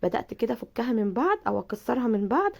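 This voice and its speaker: A woman with an Egyptian Arabic accent, hoarse from a bad cold, chatting through a cooking tutorial and speaking warmly to her viewers. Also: a little high, very animated, racing. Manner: chatty, repeats herself, addresses viewers affectionately. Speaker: cooking channel host.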